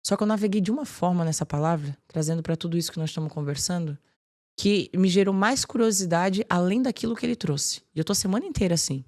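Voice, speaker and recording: A woman guest on a podcast, talking in a lively, casual way about faith and her work, often filling her speech with "tipo assim". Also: on the low side, quick pace.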